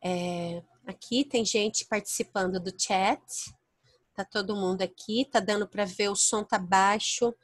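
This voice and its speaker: In an online English class held from her home, the teacher, a woman with a Brazilian Portuguese accent, speaks a little slowly in a steady, medium-pitched voice without echo. She lays out points one step at a time and confirms her students follow.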